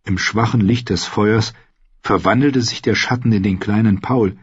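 A man reading scripted narration for an audiobook in a steady, measured way. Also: lowish voice, husky, dry recording. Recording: slightly dull dry studio recording.

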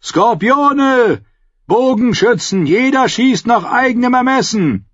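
A man voicing a young male commander who bellows orders to his archers, slow and drawn out. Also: fairly low pitch, steady tone, husky, dry recording, dull audio. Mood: commanding. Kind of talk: audiobook character voice.

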